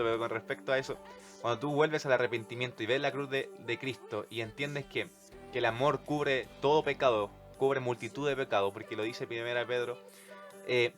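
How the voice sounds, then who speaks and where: Guy on a church podcast, mid-pitched, chatty, bits of eh and um, faint music behind. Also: fairly bright tone. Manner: conversational, explains with everyday examples, hesitant fillers. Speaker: podcast co-host.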